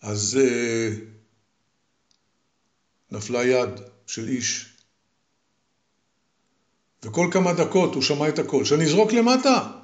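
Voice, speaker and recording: Give me an older grandfather storyteller, deliberate and repetitive, recorded in a roomy, echoing space. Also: medium pitch, lively intonation, darkish tone.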